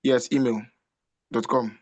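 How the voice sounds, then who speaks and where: Man, instructor, heard over a video call, mid pitch, hesitant guiding talk. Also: flat delivery, unhurried, a little mellow, dry recording. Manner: hesitant, guiding, repeats himself. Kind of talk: live online class.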